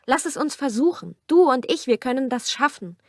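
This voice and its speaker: A woman's voice: medium pitch, normal speed, no echo, studio quality, lightly acted. A woman voicing a pleading, defiant young wife. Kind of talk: audiobook character reading.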